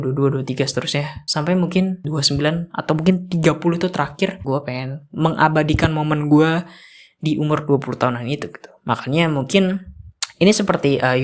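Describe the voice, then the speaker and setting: A twenty-year-old man, talking in an earnest, rambling way, full of filler words, in a reflective vlog monologue. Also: on the high side. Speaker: vlogger.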